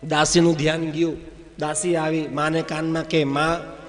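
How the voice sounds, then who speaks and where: A man from Gujarat telling a devotional story, animated and acting out the scenes as he narrates. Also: a little high, moderate pace. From Gujarat, India. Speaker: religious storyteller. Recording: reverberant hall with faint music.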